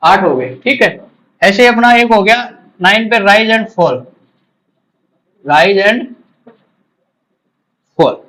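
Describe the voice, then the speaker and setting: A man with a high voice teaches English grammar to exam candidates. He explains in Hindi with English terms mixed in. He repeats each rule and checks understanding with short questions. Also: lively intonation, pushed and bright, poor audio. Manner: repeats key terms, asks the class quick check questions. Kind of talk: exam-prep grammar lecture.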